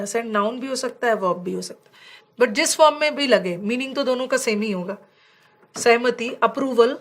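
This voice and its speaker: A woman with a fairly high voice teaches vocabulary from slides for an exam class. She explains in Hindi that is full of words, and she slows right down to read example sentences.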